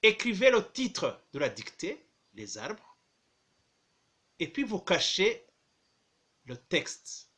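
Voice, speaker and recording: High-pitched man dictating very slowly. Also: huge pitch swings, sharp tone. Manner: dictating deliberately phrase by phrase, punctuation spoken aloud. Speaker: primary school teacher. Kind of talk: dictating a French lesson, repeating phrases.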